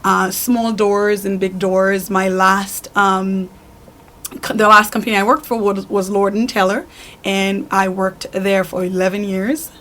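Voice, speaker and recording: Speaking at a slightly slow pace with medium pitch, a boutique owner and stylist from Haiti, in her forties, recounts her story for an interviewer. She tells it with animation, performing what her customers say.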